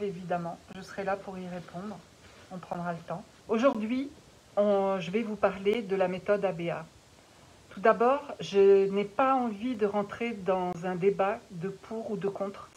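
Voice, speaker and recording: A middle-aged woman, a naturopath and life coach, talking to parents in a live stream she records on her phone, calm and measured, with many pauses and fillers. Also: medium pitch, poor audio. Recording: faint hiss on a phone recording.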